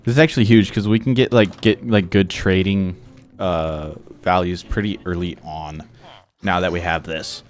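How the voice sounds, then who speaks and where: A young man with a very low voice tells a meandering story about his job while he plays. He talks casually and leans hard on filler words, with soft game music under him. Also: fairly even intonation, a little slow. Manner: rambling, heavy filler words. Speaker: gaming vlogger.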